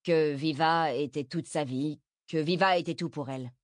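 A woman's voice: low-pitched, moderate pace, no echo, clean studio sound. Woman voicing a hesitant teenage boy. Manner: hesitant, trailing off. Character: teenage boy, awkward and reluctant. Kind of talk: audiobook character voice.

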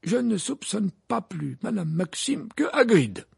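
A man voicing a serene, wry very old male headmaster who speaks calmly and evenly. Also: high-pitched, gravelly, husky, pitched above the performer's own voice, heavily acted. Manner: calm, even, unhurried.

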